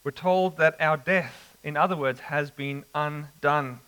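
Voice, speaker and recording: A man preaching an expository sermon, slow and emphatic with dramatic pauses. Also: a little high, a bit bright, clean tone, rough recording.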